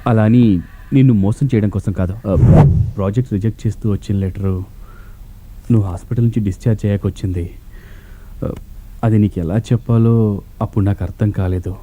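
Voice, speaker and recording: An actor playing a gentle young hero who speaks softly and earnestly. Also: male voice, lowish voice, steady tone, fast talker, pauses often, very noisy, lightly acted. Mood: apologetic. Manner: soft, earnest.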